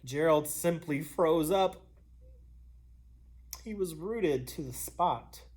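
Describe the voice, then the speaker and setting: A woman reading a children's story aloud expressively, pausing between phrases and adding chatty asides. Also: low voice, a little mellow, breathy edge. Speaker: storybook reader.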